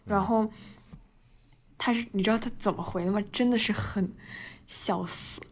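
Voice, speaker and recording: Medium in pitch with a darkish tone, her voice keeps a moderate pace over a little hiss or hum. She's a Chinese podcast co-host in her twenties, chatting and storytelling casually, laughing frequently, using fillers and borrowing English words.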